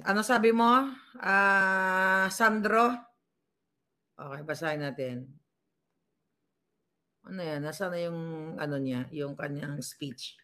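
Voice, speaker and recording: A woman's voice: lowish voice, fairly even intonation, slow, pauses often, sharp tone. A woman with a Filipino accent doing casual live political commentary, scornful and mocking as she reads viewer comments aloud.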